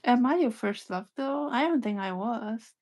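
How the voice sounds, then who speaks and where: In a casual chat with her partner on a livestream she co-hosts, a young woman speaks with a blend of Cantonese and British English accents. Her fairly high, slightly mellow voice has lively intonation at normal speed, peppered with "like," giggles and trailing sentences.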